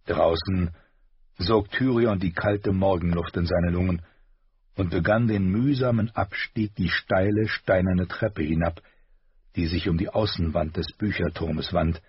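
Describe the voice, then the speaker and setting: Low husky male narrator, slow measured read, lively delivery, dull dry sound. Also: no echo. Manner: unhurried, expressive. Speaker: audiobook narrator. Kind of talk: scripted storybook narration.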